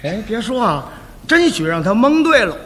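High-voiced crosstalk straight man. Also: sing-song, normal speed, a bit bright. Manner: dry quips and short interjections. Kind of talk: stage crosstalk comedy. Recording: stage hall reverb.

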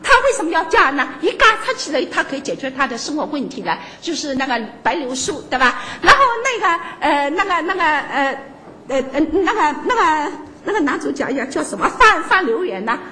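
Animated older woman lecturing, laughing often. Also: high-pitched, brisk, noisy background. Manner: laughs often, many fillers and restarts, animated. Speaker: writer giving a talk. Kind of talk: lively lecture to an audience.

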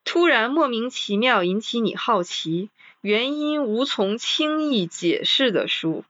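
A woman's voice: on the high side, expressive, a bit bright, no room sound. Woman reading aloud and musing, muffled. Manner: reads list items slowly, then comments with sighing interjections. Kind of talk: casual podcast book chat.

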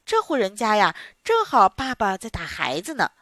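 A woman telling a children's bedtime story in an expressive, sing-song way. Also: mid-range voice, normal speed, no room sound, clean studio sound.

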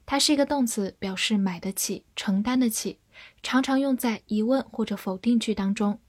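A woman teaching English vocabulary in a scripted lesson, spelling words letter by letter and modeling slow, careful readings. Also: a little high.

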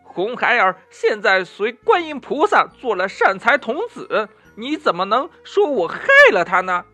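A man doing a bold, eager monkey hero from a children's story, speaking brisk and earnest. His voice is pitched high and carries well. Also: big pitch swings, pushed and bright, dry recording, faint music behind, full character voice.

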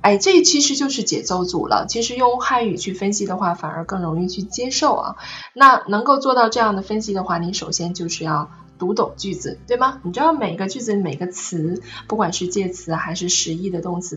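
In an online lesson on French intonation, a woman teacher patiently explains pronunciation and intonation, often checking in by asking "right?" Her voice is fairly low in pitch with a fairly bright tone.

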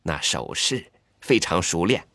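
A man reading a story aloud in a soft, intimate, expressive way, sometimes dropping to a hush. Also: low voice, measured pace, dry recording, clean studio sound.

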